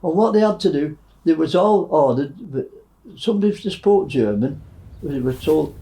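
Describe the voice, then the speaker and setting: A man in his nineties, a war veteran recounting wartime memories in a halting way, with many fillers. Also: fairly high pitch, expressive, dark tone, poor audio. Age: 90s.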